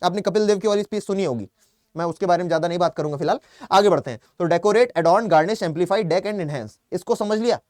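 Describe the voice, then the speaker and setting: A young man's high voice, quick and a little mellow, carries a Hindi accent through an online English vocabulary class for exam prep. He chats, addresses students as "beta," and answers the questions he asks. The audio is clean studio sound without room sound.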